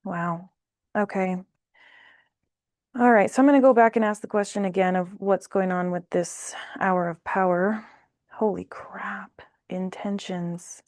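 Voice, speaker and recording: A woman's voice: mid-range voice, fairly even intonation, normal speed, darkish tone, no room sound, clean studio sound. A woman doing a casual tarot reading, thinking aloud in a blunt, exasperated way. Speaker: tarot reader.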